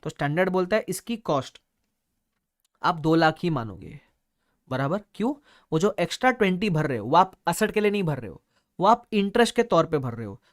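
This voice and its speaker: A man's voice: sits high, big pitch swings, fast talker, dry recording, clean studio sound. A man teaching an online exam-prep lecture, playful and storytelling, mixing Hindi and English.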